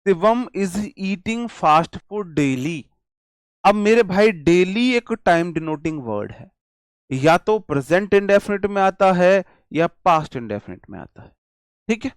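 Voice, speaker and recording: A man from India teaching an English grammar class, speaking slowly and emphatically, drawing out example words and asking questions he answers himself. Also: sits high, clear, resonant tone, no room sound, studio quality. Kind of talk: classroom lecture.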